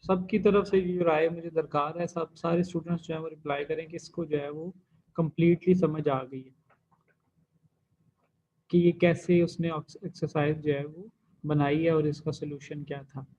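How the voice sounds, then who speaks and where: A man's voice: on the high side, level tone, normal speed, darkish tone, muffled recording. A man teaching a language lesson, explaining each step patiently with frequent fillers.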